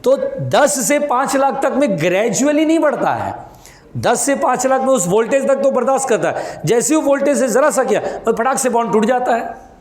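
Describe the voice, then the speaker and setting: A man's voice: very high voice, expressive, normal speed, echoey room. A man teaching physics in a classroom, repeating his points, calling students "beta" and scolding anyone who chats. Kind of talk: classroom lecture.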